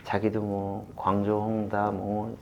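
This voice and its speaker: A man in his fifties, a football coach, talking through memories in an interview with many pauses and fillers. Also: on the low side, monotone, a little mellow, lo-fi sound, a little hiss or hum. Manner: halting and reflective, many fillers, laughs while retelling. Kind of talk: candid interview.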